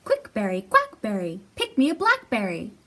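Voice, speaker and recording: This woman speaks at normal speed in a medium-pitched, sharp-toned voice whose pitch swoops wildly. Hosting library storytime, she instructs young children and reads a picture book in simple, repetitive, encouraging phrases, with a distant mic catching a noisy room.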